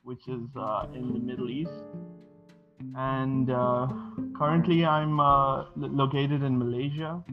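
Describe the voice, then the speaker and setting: A man's voice: medium pitch, fairly even intonation, a little slow. A man in his twenties, originally from Sri Lanka, answering interview questions casually and hesitantly, with many fillers and restarts. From Sri Lanka, raised in Bahrain. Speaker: guest, design studio co-founder. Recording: dull lo-fi audio with music behind.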